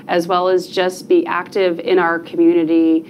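A woman's voice: fairly low pitch, flat delivery, moderate pace, darkish tone, slight background noise. A woman from New Jersey answering questions as a podcast guest in an earnest, conversational way. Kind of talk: podcast interview.

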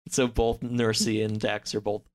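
Unhurried and fairly low, his voice shows little pitch movement. He's a podcast guest chatting casually, recounting a story in a loose, rambling fashion peppered with "like."

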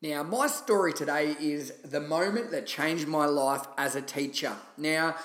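A man's voice: a little high, unhurried, a bit bright. An Australian-accented man hosting a podcast, telling personal stories in a casual, chatty, enthusiastic way. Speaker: podcast host. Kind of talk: casual solo podcast storytelling. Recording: roomy, echoey sound.

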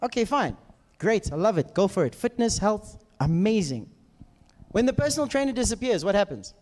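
A man's voice: high voice, sing-song, fairly quick, a little mellow, a little hiss or hum. A man with a South African accent preaching in a conversational way, throwing questions at his listeners and acting out little dialogues. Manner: rhetorical questions and call-outs to listeners; acts out imagined dialogue. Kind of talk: animated conversational sermon. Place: large echoing room with live listeners. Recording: reverberant hall sound.

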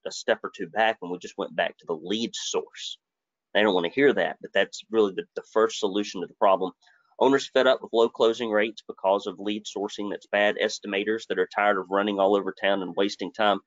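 Man in his thirties, low-voiced and folksy, running a webinar over a dull, dry computer mic. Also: no room sound. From Alabama, US. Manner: folksy, joking, conversational. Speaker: webinar presenter. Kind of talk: live webinar presentation.

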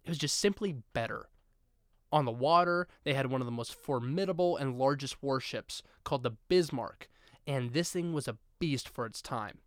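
Comedic male podcast host, smooth clear voice, dry close sound, animated jokey storytelling. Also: mid-range voice, normal speed, dry recording. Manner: animated, jokey, exaggerated asides.

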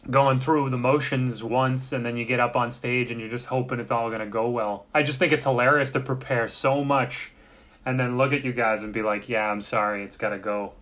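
A man's voice: medium pitch, a bit bright. A man in casual chat who rambles and swears freely while recalling a show.

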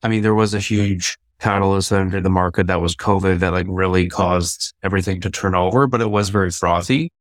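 A man with a somewhat low voice talks through market conditions in a relaxed, analytical way, leaning on fillers as he thinks. The sound is dry and close, with no room around it. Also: fairly quick, hardly any pauses, no room sound. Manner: confident, analytical, frequent "like" fillers. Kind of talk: casual investing discussion.

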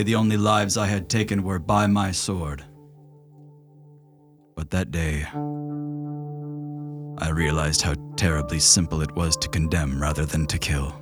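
A man as game master voicing a remorseful male leader, heard as a distant memory voice that draws closer, slow, grave and reflective. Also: rumbling low, gravelly, full character voice. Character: remorseful male leader recalling a past decision. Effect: distant memory voice drawing closer.

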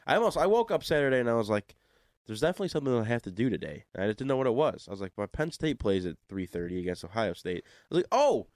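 A young American man rattles along very fast with big pitch swings, his medium-pitched voice darkish in tone and thick with congestion, as though his nose is plugged. He hosts a casual sports talk radio show in a chatty, self-deprecating manner. The recording, made on a desk studio microphone in a radio studio, is dry and studio quality.

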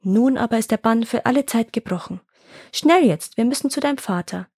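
A woman's voice: on the high side, lively intonation, a little fast, a little mellow, breathy edge, no echo, clean studio sound. A woman voicing an enchanted mouse bride who becomes a gracious young princess in a storybook fairy tale.

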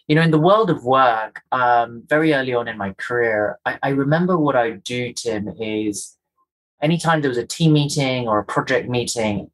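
A man's voice: medium pitch, fairly bright tone, low-quality recording. A man from Kenya with a faint, polished Kenyan accent, a guest speaking earnestly and emphatically about his own experience in an interview. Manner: earnest, emphatic, repeats key phrases. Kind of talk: reflective interview talk.

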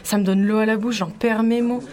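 A woman's voice: on the high side, fairly even intonation, brisk, a little mellow, lightly acted. A woman voicing a cynical, suspicious inner voice who swears and grumbles in a radio fiction. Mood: grumbling. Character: grumpy paranoid inner voice, young woman.

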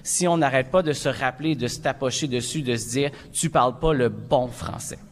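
A man's voice: medium pitch, moderate pace. A man speaking as a panelist in an earnest, emphatic way. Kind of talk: panel discussion answer. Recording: long hall reverb.

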